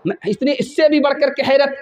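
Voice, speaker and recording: Brief: man doing a condemned young robber, tearful and accusing, pitched up in a sermon tale, echoey hall. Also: a little fast. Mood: bitter accusing. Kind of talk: sermon storytelling.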